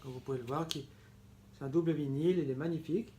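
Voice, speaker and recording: Guy, kinda high voice, showing off his records, keeps fixing his words. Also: fairly even intonation, fast, warm tone, slight background noise. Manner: enthusiastic, repeats words, corrects himself often. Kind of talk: casual show-and-tell vlog.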